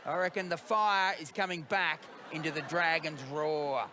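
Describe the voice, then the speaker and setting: High-voiced man on panel. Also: background noise. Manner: jokey, quick to guess. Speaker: guessing panelist. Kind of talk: casual banter on a TV talent show.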